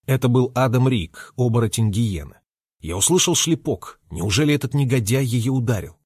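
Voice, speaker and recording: Expressive male audiobook narrator. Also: mid-range voice, moderate pace, slightly rough, no echo, studio quality. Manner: lively and expressive. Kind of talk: first-person audiobook narration.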